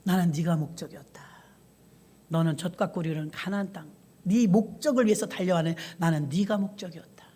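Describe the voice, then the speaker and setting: A woman preacher voicing God as a solemn, tender divine voice in sermon storytelling, speaking slowly and gravely. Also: mid-range voice, steady tone, natural voice. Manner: slow, hushed, grave delivery.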